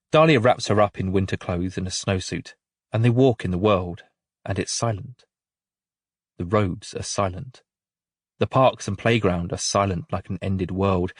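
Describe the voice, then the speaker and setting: A man calmly narrating a literary novel in a measured, gentle storytelling manner, close to the microphone. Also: sits low, slightly rough, no room sound. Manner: calm, measured, gentle storytelling with soft drops in volume. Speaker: audiobook narrator.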